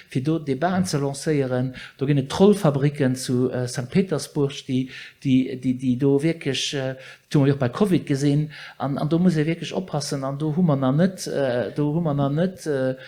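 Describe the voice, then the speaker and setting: A man's voice: mid-range voice, moderate pace, warm tone. A man politician in a panel debate, speaking urgently, repeating words and restarting phrases.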